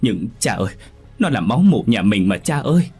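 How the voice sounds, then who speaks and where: A man's voice: fairly low pitch, sing-song, fairly quick, darkish tone, slightly rough, faint music behind, exaggerated voice. A man voicing a timid young daughter-in-law who begs tearfully, his voice raised. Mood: pleading. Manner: begging, tearful.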